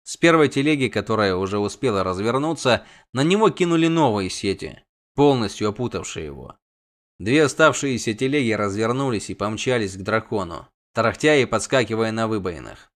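A man reading a fantasy novel aloud as audiobook narrator, in a steady storytelling manner. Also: lowish voice, brisk. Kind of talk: scripted narration.

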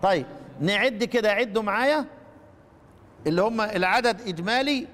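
A man's voice: high voice, normal speed, a bit bright, big-room sound. A man with an Egyptian Arabic accent teaches a class, quizzing the listeners, counting items aloud and repeating key phrases. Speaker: teacher of Quran recitation. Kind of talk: classroom lesson explaining a text.

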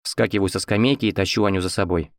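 A man's voice: sits low, fairly even intonation, fast, no echo, clean studio sound. A man narrating a first-person audiobook in a wry, ironic manner.

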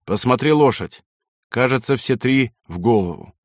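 A man voicing a gruff, hot-tempered colonel who barks orders, in an audiobook. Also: mid-range voice, lively intonation, moderate pace, no echo, studio quality. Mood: curt.

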